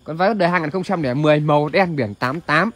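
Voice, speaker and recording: High-pitched Vietnamese used car salesman, northern accent. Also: fast talker. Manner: used car salesman patter, repetitive filler tags, chatty appeals to viewers. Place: large covered open-air car lot at night. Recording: noisy outdoor car lot ambience.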